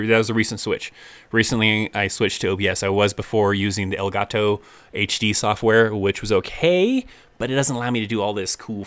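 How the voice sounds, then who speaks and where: Young man, lowish voice, casual livestream Q&A, rambling, laughs easily, dry close sound. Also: a bit bright, clear, resonant tone, no echo. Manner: rambling, reading chat questions aloud, laughs easily. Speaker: livestream host answering viewer questions. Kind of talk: casual live-stream Q&A.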